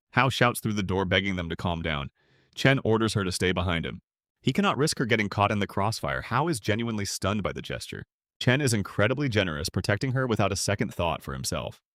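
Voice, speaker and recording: Guy with a really low voice doing dramatic recap narration, dry close mic, snarky asides. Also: a bit bright, no room sound. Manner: brisk, dramatic storytelling with sarcastic asides.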